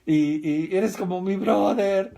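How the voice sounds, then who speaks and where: A Mexican man mimicking a drunk, sentimental man gushing to his buddy, loud and slurring. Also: sits high, slow, gravelly, voice pushed up, exaggerated voice.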